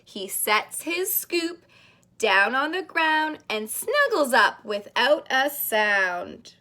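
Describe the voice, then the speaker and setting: Slow, high, animated woman reading a storybook. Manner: expressive, sing-song, with drawn-out words, gasps and hushes. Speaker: daycare teacher reading a picture book to young children. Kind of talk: animated read-aloud of a children's storybook.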